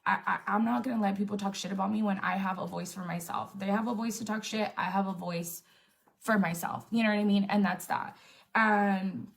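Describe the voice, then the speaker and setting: Gravelly and fairly quick, with a steady medium pitch, a young woman on a live stream rants to her audience. She's blunt and defiant, swears often, and scatters "like" throughout.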